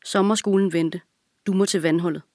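A woman reading the lines of a strict, brisk mother in a children's audiobook, in a low voice. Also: steady tone, mellow, no echo, studio quality, lightly acted. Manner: brisk and commanding.

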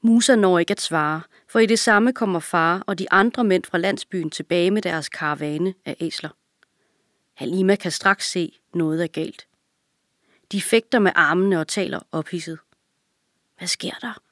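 A woman narrating a children's audiobook in a calm, even storytelling manner. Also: on the low side, dry recording, studio quality.

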